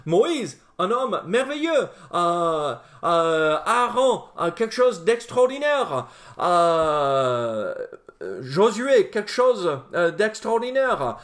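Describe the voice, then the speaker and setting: A pastor preaches to his congregation in a high voice. He pauses often on fillers and restarts his phrases as he works through his points. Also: sing-song, a bit bright. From not France. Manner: hesitant, many fillers and restarts. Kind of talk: sermon. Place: church.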